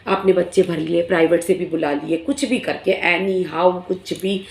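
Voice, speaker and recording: This is a middle-aged woman who teaches primary school, giving a casual, earnest explanation to colleagues with plenty of filler pauses. Her voice is lowish and darkish in tone, hoarse from a throat on the mend. She records on a phone camera in selfie mode in an echoey room.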